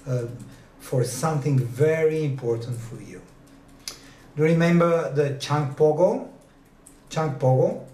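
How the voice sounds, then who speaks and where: A man lecturing a university class, speaking slowly and deliberately with many pauses and fillers. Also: fairly high pitch, dark tone, reverberant, distant mic, a little hiss or hum.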